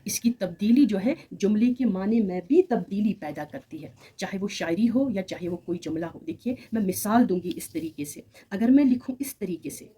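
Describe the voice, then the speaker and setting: A woman's voice: medium pitch, lively intonation, moderate pace, few pauses, mellow, slightly rough. A woman teaching Urdu grammar with an Urdu accent, explaining patiently and speaking examples aloud. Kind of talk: recorded grammar lesson.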